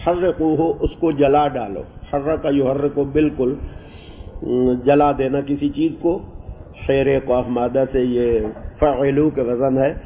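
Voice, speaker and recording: A man teaching a class on Quranic Arabic. He explains the grammar at length, wanders off topic, and recites verses slowly. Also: a little high. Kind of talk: classroom lecture on scripture and grammar. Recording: muffled lo-fi classroom recording with faint hiss.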